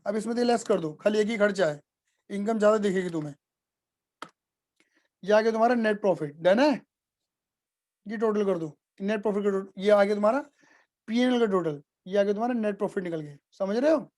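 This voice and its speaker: Male tutor, relaxed classroom explainer, checks in with students constantly. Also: high voice, brisk, pauses often. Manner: casual, repeats points, asks students if clear. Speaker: accounts teacher. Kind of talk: live online class explanation.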